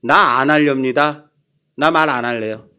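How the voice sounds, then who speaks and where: A man's voice: medium pitch, measured pace, pushed and bright, clean tone, pitched below the performer's own voice. A man doing a defiant, protesting sufferer. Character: defiant man refusing to answer further.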